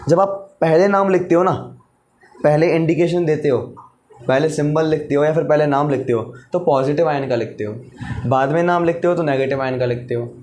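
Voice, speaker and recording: A man's voice: a little high, fairly even intonation, a little fast, darkish tone. A man teaching chemistry in a classroom-style lecture. He asks questions, answers them himself, and repeats each step.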